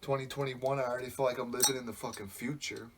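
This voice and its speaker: A man's voice: mid-range voice, fairly even intonation, fast talker, background noise. Man, twenties, podcast host, casual monologue, rambling, profane, reflective. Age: 20s.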